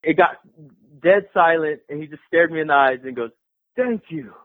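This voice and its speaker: A man, a graffiti artist guest, telling stories in a casual interview, animated and swearing freely. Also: a little high, a little fast, no room sound. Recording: tinny phone-like line, dry.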